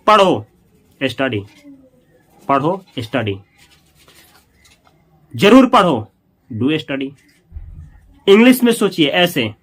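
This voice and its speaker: A man teaching an English grammar lesson in Hindi, repeating each example slowly and asking his students questions. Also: a little high. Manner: acts out commands with louder emphasis.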